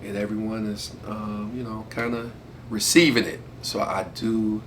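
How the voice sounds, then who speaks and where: A man, casually telling a personal story to his viewers, relaxed and chatty with frequent laughs. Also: fairly low pitch, unhurried, slight background noise. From Detroit, USA. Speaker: channel host.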